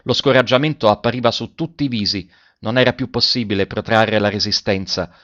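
A man narrating a classic story as an audiobook, in a measured and expressive way, in a dull lo-fi recording. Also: on the low side, no echo.

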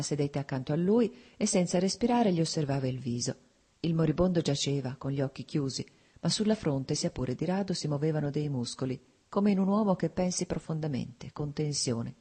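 An audiobook narrator gives a measured, even reading of a classic novel. The voice is mellow and dark, with a husky, breathy edge. The pitch sits in a middle range.

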